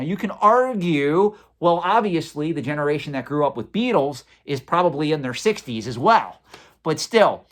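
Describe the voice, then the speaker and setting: A man in his forties hosting a collectibles channel, answering viewer questions in a conversational, opinionated and sometimes sarcastic way. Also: medium pitch.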